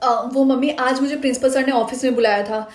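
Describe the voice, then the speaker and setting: A woman's voice: high-pitched, fairly even intonation, fairly quick. A woman acting as a teenage girl in a story skit and narrating her choices aloud.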